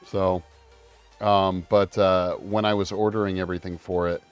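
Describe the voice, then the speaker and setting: Chatty low-voiced man streaming. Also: flat delivery, moderate pace, smooth, highs cut off. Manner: chatty, laughs often, many fillers. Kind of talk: casual chat on a livestream call. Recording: faint music behind. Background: faint background music.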